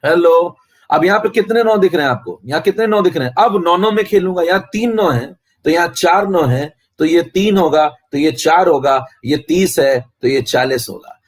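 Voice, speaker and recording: A man teaches chemistry in a live-streamed online lecture, his fairly high voice animated and moving at a moderate pace with few pauses. He comes across as boastful and keeps asking his students whether they follow.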